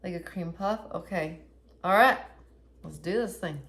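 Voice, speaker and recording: A woman's voice: fairly low pitch, measured pace, fairly bright tone. A woman hosting a casual cooking demonstration in a home kitchen, chatty and upbeat as she talks viewers through each step. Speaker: cooking show host.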